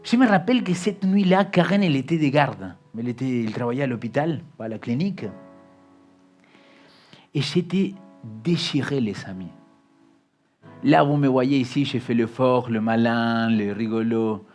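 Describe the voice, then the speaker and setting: A man from Argentina preaches with a clear Argentine Spanish accent. He tells his story dramatically, going from loud emphasis to hushed, almost broken confession. Soft music plays faintly behind him. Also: mid-range voice, expressive, moderate pace. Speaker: pastor. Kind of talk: emotional storytelling sermon.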